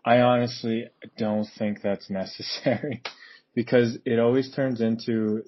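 A man's voice: mid-range voice, darkish tone. A man leaving a rambling, grumbling voicemail, chuckling as he goes. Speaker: voicemail caller. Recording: dull lo-fi voicemail.

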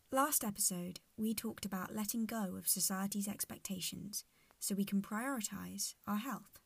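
A woman's voice: medium pitch, a little mellow, no room sound. Young woman podcasting through gritted teeth. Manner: speaking through gritted teeth from a sore jaw. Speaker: podcast host. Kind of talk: scripted reflective podcast narration.

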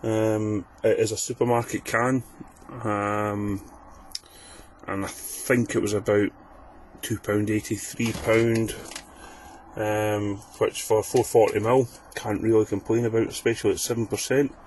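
Man, casual review, unhurried slow delivery, lowish voice, light background noise. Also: flat delivery, a little mellow. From Fife, Scotland. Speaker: listener sending in a review. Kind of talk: casual recorded beer review. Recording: clear ambient background noise.

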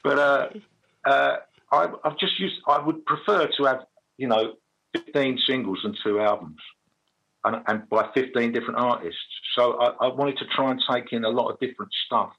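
A middle-aged man chats as an interview guest in casual anecdotes. His voice is gravelly and husky with a forceful edge. The recording is a little dull. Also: mid-range voice, steady tone, moderate pace, slight background noise.

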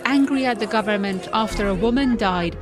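A woman's voice: mid-range voice, fairly quick. A woman reporting a broadcast news clip in an urgent, dramatic way. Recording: archive news clip with loud music and crowd. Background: loud music and crowd noise.

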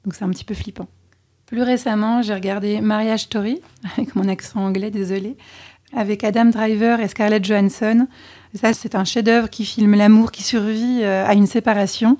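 A podcast co-host being interviewed, this chatty woman answers questions in a mellow, warm tone. Her mid-range voice keeps fairly even intonation at normal speed, and she talks candidly, hesitating now and then to think.

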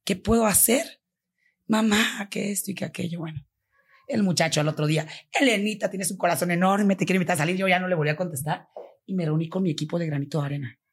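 A Mexican woman, a foundation founder, telling a story in an interview and acting out the dialogue with lively voices. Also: on the low side, fast talker, slightly rough. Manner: animated, acts out quoted dialogue.

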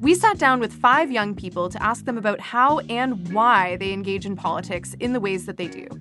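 A woman's voice: mid-range voice, animated, moderate pace, bright, forceful tone, faint music behind. A woman in her twenties from Canada, host of a podcast, reading scripted narration in a wry, casual, self-deprecating way. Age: 20s.

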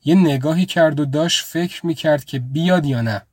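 A man narrating a first-person audio story in a calm, reflective way. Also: on the high side, no echo, clean studio sound.

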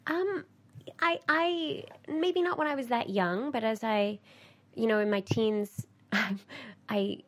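A woman's voice: on the high side, slow pace. A Canadian woman talking casually as an interview guest, acting out bits of what she recounts. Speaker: ballet dancer, interview guest.

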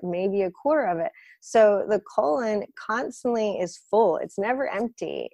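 A woman's voice: mid-range voice, no room sound. A woman guest who works as a colon hydrotherapist and who grew up in the United States, explaining her work frankly with plenty of fillers. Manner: practical, frank, lots of fillers. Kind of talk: explanatory interview talk.

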